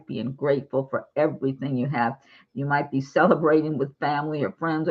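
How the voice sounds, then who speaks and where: A woman giving a chatty, casual tarot reading to her viewers, reassuring and quick to giggle. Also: extremely low pitch, dull audio. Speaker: tarot reader.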